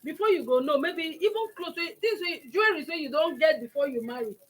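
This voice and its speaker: High-pitched Nigerian woman talking conversationally. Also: lively intonation, fast talker. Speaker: talk show host. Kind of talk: conversational talk in Nigerian Pidgin.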